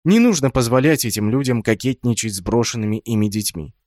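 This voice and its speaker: A man reading a book aloud as narration, with steady delivery that lifts a little for quoted speech. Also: mid-range voice, fairly quick, dry recording, clean studio sound. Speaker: audiobook reader. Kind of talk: scripted narration.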